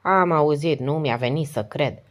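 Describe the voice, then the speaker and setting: A woman voicing a low, gruff police inspector. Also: close to an everyday voice. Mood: calm. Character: calm middle-aged male police inspector, gruff. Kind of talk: audiobook character voice.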